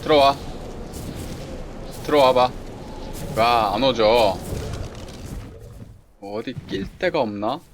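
A man in the middle of a game stream, speaking slowly in a mid-range voice with game sounds clearly underneath. He chatters to the creatures on screen and breaks into quick repeated exclamations. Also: mid-range voice. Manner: talks to himself and the game creatures, excited exclamations. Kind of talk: casual gameplay commentary. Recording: clear background game noise.

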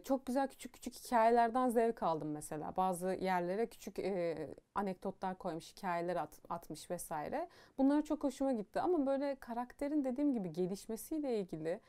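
A young woman with a soft, warm, fairly high-pitched voice chats through a book review. She's casual, animated, opinionated and blunt, leaning on fillers and asides as she goes.

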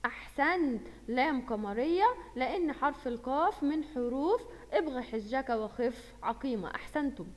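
A high-pitched woman with an Egyptian Arabic accent teaches a lesson to young children. She keeps asking questions and praising the class. Her voice rings with a long reverb, as if recorded in a large hall. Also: expressive, moderate pace. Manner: encouraging, asks questions and praises pupils. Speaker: primary school Arabic teacher.

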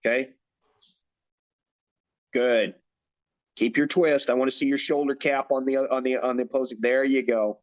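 A man's voice: medium pitch, fairly even intonation, moderate pace, pauses often. A man coaching a bodybuilder through posing routines, giving directions and repeating his cues. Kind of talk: instructional demonstration.

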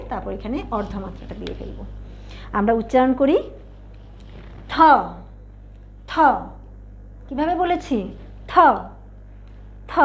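High-voiced woman teaching children letters. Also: a little mellow. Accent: Bangladeshi Bengali. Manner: coaxing, asks children questions, slow drawn-out fillers. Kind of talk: children's alphabet lesson.

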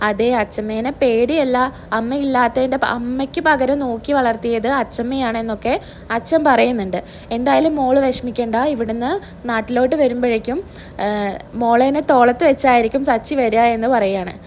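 A woman with a high voice walks through a serial episode scene by scene. She quotes each character's lines in her own casual telling, with a faint hiss of background noise. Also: fairly even intonation, darkish tone. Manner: retells scenes line by line, quoting the characters' dialogue; fills pauses with drawn-out "aa". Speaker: serial review vlogger.

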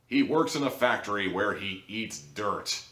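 In a living room, a man in his thirties who hosts and reviews audio dramas gives a casual, blunt, sarcastic review to camera, clearly exasperated. His voice is lowish and sharp, a little slow. The room echoes and the microphone sits at a distance.

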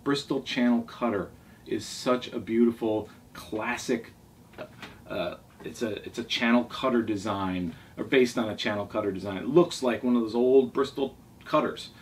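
Casual book talk: a man in his forties, hosting a vlog at home, runs through his favourite books with rambling enthusiasm, speaking at medium pitch and moderate pace. He's indoors at a table in a small furnished room, and the distant mic leaves plenty of noisy room ambience.

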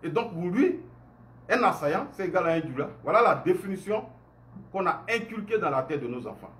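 With a high, expressive, fairly bright voice at a slightly fast clip, a man in his forties from Côte d'Ivoire speaks to camera at home. This online commentator has an Ivorian French accent and delivers an indignant, emphatic monologue, gesturing freely and asking many rhetorical questions.

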